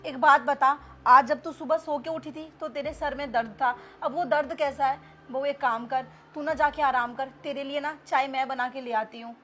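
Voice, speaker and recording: A woman's voice: sits high, fairly even intonation, moderate pace, hardly any pauses, fairly bright tone, slight background noise. A woman playing a harsh, bossy middle-aged mother-in-law in a family melodrama, talking to her daughter-in-law. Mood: gentle, remorseful. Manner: bossy, scolding, then pleading. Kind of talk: amateur family melodrama acting.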